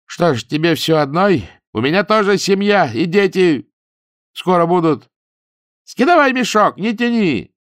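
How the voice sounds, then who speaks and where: A man voicing a pushy, rough young village woman in an audiobook, with a brusque, demanding manner. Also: medium pitch, expressive, unhurried, long pauses, dry recording, studio quality, voice pushed up, lightly acted.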